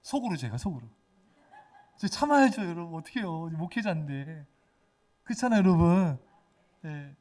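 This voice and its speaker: A middle-aged man preaching a Sunday sermon in a fairly high voice. He speaks with strong emphasis and now and then breaks into the voices of the people he quotes. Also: very animated, normal speed, pauses often, a little mellow. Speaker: pastor.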